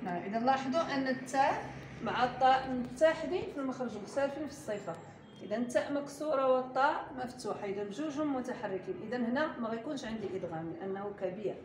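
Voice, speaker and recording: Patient Moroccan woman teaching tajweed. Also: a little high. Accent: Moroccan Arabic. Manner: patient, slow and drawn out when modelling recitation; quizzes the class and prompts answers. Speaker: Quran recitation teacher. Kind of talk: tajweed class with students. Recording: echoey room with steady background noise.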